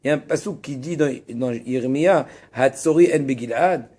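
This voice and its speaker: A man's voice: medium pitch, moderate pace, a little mellow. A man rabbi teaching a religious text, asking and answering his own questions and stressing Hebrew terms. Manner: casual asides to students.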